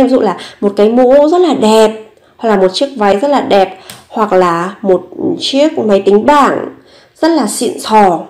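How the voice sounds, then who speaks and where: Woman teaching korean phrases, says each one a few times slowly, mid pitch. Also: darkish tone. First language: Vietnamese. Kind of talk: online language lesson.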